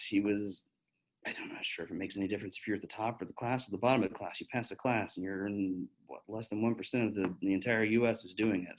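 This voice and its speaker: A man in his thirties with a slightly low voice talks openly to pre-med students about his path into medicine. His delivery is relaxed and conversational, dotted with fillers and false starts as he answers questions one by one. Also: low-quality recording. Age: 30s. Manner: candid and chatty, with many fillers and restarts. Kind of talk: casual Q&A talk.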